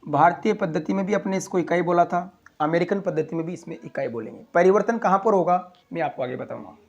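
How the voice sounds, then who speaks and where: A man teaching a school maths lesson, walking through place values slowly, step by step. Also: high voice, vocal fry, a little mellow, dull audio. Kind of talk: classroom explanation.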